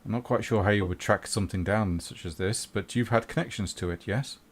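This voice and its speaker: A man voicing a stern male mage provost who speaks formally and with measured hesitations. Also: lowish voice, close to an everyday voice.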